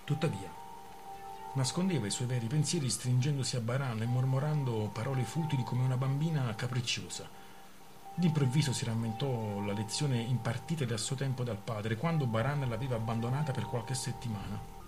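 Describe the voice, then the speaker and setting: A man reading a novel aloud on the radio in a measured, dramatic way. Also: mid-range voice. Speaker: radio reader. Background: music.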